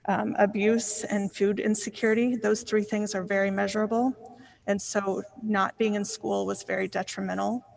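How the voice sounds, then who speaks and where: Creaky, even-toned woman at a board meeting. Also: medium pitch, moderate pace. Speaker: school board member; healthcare professional. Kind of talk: giving remarks at a board meeting.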